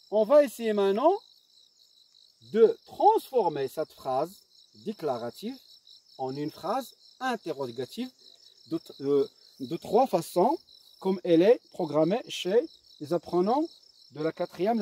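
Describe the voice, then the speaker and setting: Enseignant marocain, ton très animé. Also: male voice, high-pitched, mellow, slightly rough. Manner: slow, deliberate, dictating and repeating, with fillers. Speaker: primary school teacher. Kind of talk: grammar lesson. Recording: distant mic with faint insect noise.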